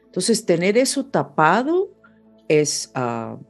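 Taking it slowly, a woman with a lowish voice and big pitch swings speaks to her audience about horoscopes and spirituality without a script. She's an astrologer using Spanish as a second language, with music underneath.

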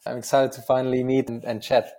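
A man's voice: medium pitch, flat delivery, quick pace, mellow. A man in his thirties from Germany, speaking with a German accent. He is a guest entrepreneur in a casual interview, earnest and talkative, often repeating a word as he restarts a phrase.

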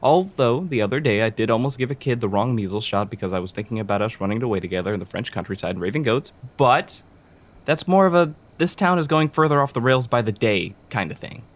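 A man's voice: medium pitch, quick pace, lightly acted. An actor playing an insecure, lovesick young man who rambles nervously and undercuts himself. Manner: rambling, nervous and self-deprecating. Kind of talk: audio drama acting.

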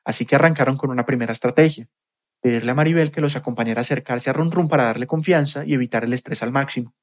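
A man narrating a scripted documentary podcast in a measured, storytelling delivery. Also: mid-range voice. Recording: faint music bed.

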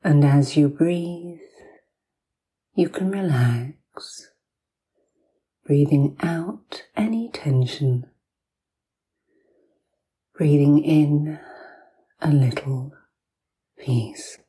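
Woman, mellow soft tone, unhurried pace, near-whisper, soothing sleep-story hypnosis narration, long pauses. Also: low-pitched, lively intonation, slightly rough. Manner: soothing, slow, with long pauses between short phrases. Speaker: hypnosis podcast host.

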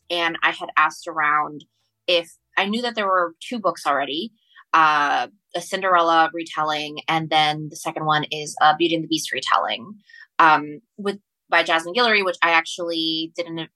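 A guest author from Ecuador, whose first language is Spanish, chats and tells stories in English on a casual podcast interview. She speaks haltingly, correcting herself and often doubling back to repeat phrases. Her voice sits low, bright and forceful, with no echo, though the recording quality is low.

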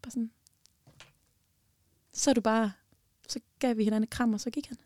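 In casual podcast chat, a woman tells a personal story with animated energy, swinging between loud bursts and near-whispers. Her voice is a little high, and the background is noisy.

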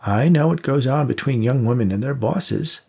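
A man voicing a spiteful, murderous old woman with a shrill, scolding voice in an audiobook. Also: animated, moderate pace, vocal fry, a little mellow, slightly rough. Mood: scornful.

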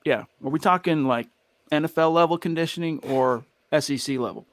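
A man's voice: a little high, brisk, no room sound. A man with an American accent hosting a sports show, talking casually and emphatically, often tossing in rhetorical questions. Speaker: sports livestream host. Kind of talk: casual sports talk and commentary.

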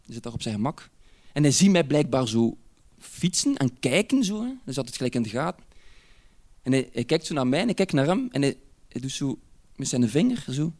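Man, Flemish accent, personal anecdote, lively pitch, chuckling storyteller. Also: fairly quick. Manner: animated, chuckles often while telling.

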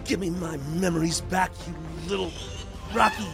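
A man's voice: sits high, fairly even intonation, moderate pace, vocal fry, over music. A man voicing a cocky, joking sword-turned-man fighter with a playful swagger in a tabletop game. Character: cocky, jokey cool-dude fighter, sword cursed into man.

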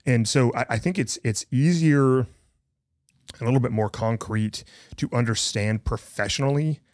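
A man's voice: medium pitch, a little slow, a little mellow, dry recording, clean studio sound. A man speaking earnestly and emphatically in a casual podcast conversation. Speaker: podcast co-host.

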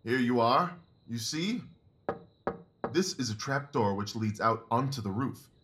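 An eager male actor with a mid-range, slightly bright, expressive voice plays a sharp, confident Victorian detective in an audio drama. His speech is precise and deliberate.

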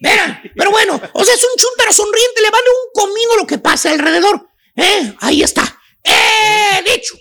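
A Mexican man ranting comically on a radio talk show, rapid and slangy, often shouting and laughing. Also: extremely high pitch, vocal fry.

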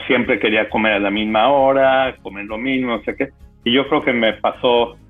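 A man in his sixties with a Mexican accent, a guest calmly telling his life story in an interview. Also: medium pitch. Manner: unhurried, reflective storytelling with pauses. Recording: phone-like narrow audio with music.

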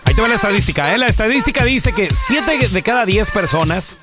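A man with a Mexican accent hosts casual radio talk over faint music. His pitch is high and very animated. He keeps prodding with questions. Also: fairly quick. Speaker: radio show host.

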